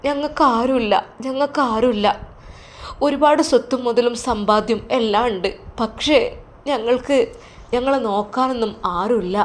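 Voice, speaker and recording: A woman's voice: fairly high pitch, moderate pace, voice pushed up, lightly acted. A woman playing a worried elderly mother.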